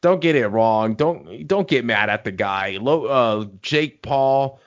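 A man co-hosts a casual podcast chat, rambling in a laid-back way with lots of fillers. His medium-pitched voice is expressive and slow, and the audio is dull.

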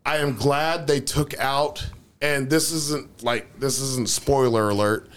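A man co-hosting a podcast in casual chat, excitable and profane. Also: mid-range voice, slow, a little hiss or hum. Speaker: podcast co-host.

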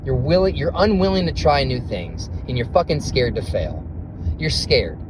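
A man hosting a podcast, talking to himself in a car, recorded as low-quality phone audio. He speaks intensely and swears a lot, firing off rhetorical questions. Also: expressive, moderate pace. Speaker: podcast host. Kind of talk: motivational self-talk monologue. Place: inside a car while driving. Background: car road noise.

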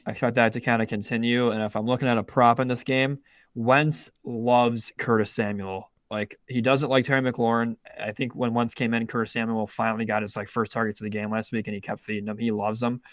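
In clean, echo-free studio sound, a young male co-host talks briskly and flatly at medium pitch on a casual sports betting podcast. His speech comes in rambling bursts full of self-interruptions and restarts, with the occasional swear word.

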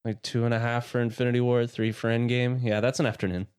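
A man's voice: mid-range voice, flat delivery, fast talker, a little mellow, smooth. Joking man cohosting a podcast. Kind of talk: casual podcast chat.

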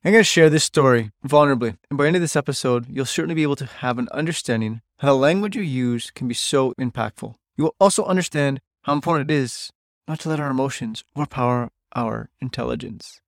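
A man's voice: medium pitch, no echo, clean studio sound. A middle-aged man hosting a solo podcast, talking bluntly and emphatically and swearing freely. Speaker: podcast host.

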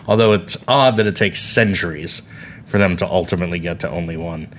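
Low-voiced man, wry podcast co-host. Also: brisk, a bit bright, a little hiss or hum. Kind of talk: casual podcast chat.

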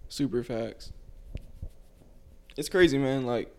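Young man, laid-back bro talk, medium pitch. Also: slow, a little mellow. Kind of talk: casual podcast chat.

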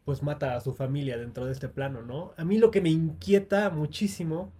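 A man hosts a relaxed movie discussion. His voice sits a little high, and he guides the talk and narrates scenes in detail. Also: normal speed, slightly rough. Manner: guides the segment, recounts scenes at length. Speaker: podcast host.

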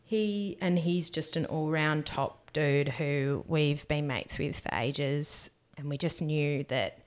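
This is a young woman with a notably low voice. She chats on a podcast in an easygoing, reflective way, reading out questions and talking about staying grounded. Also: slow pace. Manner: relaxed, reads out questions, talks about energies. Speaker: podcast co-host. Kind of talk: casual podcast chat.

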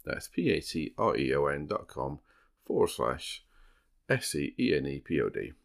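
A man with a very low, gravelly voice tells true crime stories as a podcast host. His pitch moves around in a lively way, and he slips into dry, teasing banter between the scene-setting. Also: normal speed.

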